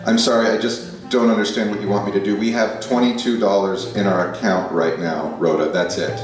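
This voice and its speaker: Guy doing a flustered low-voiced town treasurer, old archival meeting tape, echoey room, mic way off. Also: steady tone, brisk, distant mic, faint music behind. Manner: apologetic, confused. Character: flustered, apologetic small-town male treasurer. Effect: archival recording of a council meeting. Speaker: town treasurer and reserve officer.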